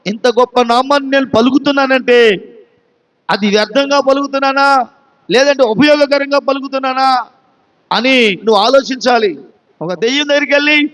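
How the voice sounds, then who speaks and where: A man's voice: extremely high pitch, fairly bright tone, in a large hall. A man with a Telugu accent preaching a sermon, emphatic and repeating phrases, asking his listeners question after question. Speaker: pastor.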